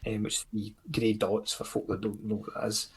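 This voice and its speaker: A Scottish comics creator chatting casually as a podcast guest, rambling and self-critical, with lots of fillers. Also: male voice, on the low side, flat delivery, normal speed, slightly rough. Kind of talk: casual chat.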